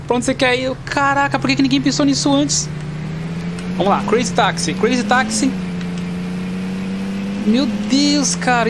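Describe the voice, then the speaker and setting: Man, Brazilian Portuguese accent, casual gameplay commentary, chatty and excitable, loud game noise in the background. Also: very high voice. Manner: excitable, chatty, talks to viewers. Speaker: gaming channel host. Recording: loud car and game sounds behind.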